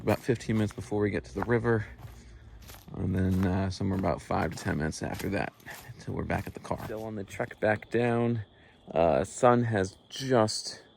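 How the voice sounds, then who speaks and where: A man's voice: low-pitched, creaky, slight background noise. A man narrating casually while hiking a wooded mountain trail, a little out of breath, talking into a handheld phone. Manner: chatty, unhurried, with fillers. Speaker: hiker filming his walk.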